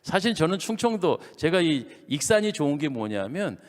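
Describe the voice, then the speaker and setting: Revival preacher, Chungcheong accent, fairly high voice, storytelling delivery. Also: male voice, normal speed, big-room sound. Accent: Chungcheong Korean. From Chungcheong, Korea. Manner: animated storytelling, drops to hushed asides. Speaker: senior pastor. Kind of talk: revival sermon. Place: church sanctuary.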